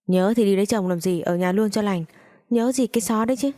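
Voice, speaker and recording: A woman's voice: mid-range voice, brisk, warm tone, lightly acted. A woman voicing a scornful, scolding rich old mother-in-law in a storybook reading. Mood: mocking. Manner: sneering, scolding.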